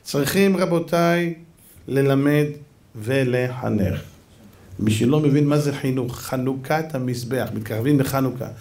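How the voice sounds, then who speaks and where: A man's voice: mid-range voice, darkish tone. A man rabbi giving a Torah lesson sermon, emphatic and full of rhetorical questions, sometimes raising his voice. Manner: acts out quoted voices.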